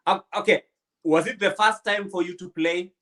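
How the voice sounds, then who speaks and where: Higher-voiced man hosting an interview. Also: steady tone, normal speed, sharp tone. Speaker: interview host. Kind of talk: casual interview.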